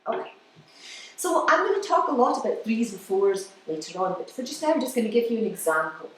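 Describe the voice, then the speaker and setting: With a fairly high pitch and big swings in intonation, a female musician talks an indoor audience through a live lecture with demonstrations. Her explanations come with halting pauses, and she counts beats aloud. The recording is distant, very echoey, with faint noise.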